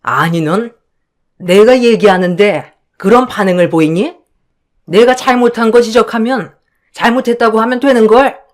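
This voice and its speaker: A woman's voice: a little high, normal speed, natural voice. A woman voicing a harsh, scolding older mother-in-law in a dramatized story. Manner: scolding, contemptuous.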